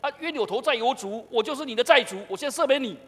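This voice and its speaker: A man voicing Jesus as a calm, authoritative man in a sermon, speaking in deliberate declarations. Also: very high-pitched, full character voice. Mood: declaring. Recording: echoey church hall.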